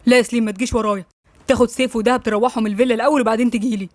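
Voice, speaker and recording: A woman's voice: on the high side, steady tone, rapid-fire, darkish tone, no echo, lightly acted. A woman reading as a hot-tempered young man. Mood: firm. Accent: Egyptian Arabic.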